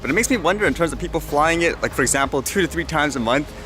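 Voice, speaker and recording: Audio quality is poor in this action-camera vlog, where a fast-talking man with a fairly high, lively voice reads out news items and comments on them, musing with questions to himself and viewers. He's outdoors in a windy part of a city, and background music comes through clearly.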